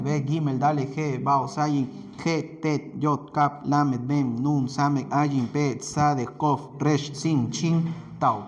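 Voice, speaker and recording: A man's voice: on the high side, darkish tone. A man with a Peruvian Spanish accent teaching a Bible institute class, talking conversationally, repeating himself and correcting himself with fillers. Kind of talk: classroom lecture.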